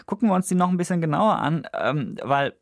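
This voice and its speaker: A man's voice: a little high, expressive, brisk, dry recording. A man hosting a science podcast in a studio, asking playful, jokey questions in casual chat. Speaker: podcast host. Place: radio studio.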